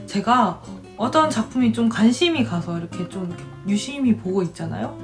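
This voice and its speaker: A young woman vlogger chats away in a casual, animated storytelling voice, slipping into the people she quotes. Her voice sits a little high. Soft music plays under her talk.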